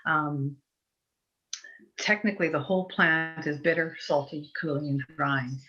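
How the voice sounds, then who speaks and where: Faint music plays behind a muffled online call where an Eastern European guest herbalist chats informally, digressing and restarting her sentences. Her voice is low, pushed, and bright, steady in tone and a little slow.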